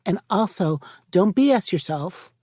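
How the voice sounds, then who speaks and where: A woman's voice: fairly low pitch, animated, measured pace, no room sound, clean studio sound. A woman hosting a podcast as a reverend, talking in an exuberant, emphatic, playful way. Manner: exuberant, emphatic and playful, shifts between loud and soft. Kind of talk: casual podcast conversation. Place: New York.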